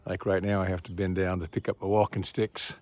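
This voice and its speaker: A man's voice: low-pitched, little pitch movement, brisk, a little hiss or hum. Chatty Texan man vlogging on a walk. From Texas. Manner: rambling, chatty, thinking aloud. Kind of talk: casual walking vlog. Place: outdoors on a rural trail.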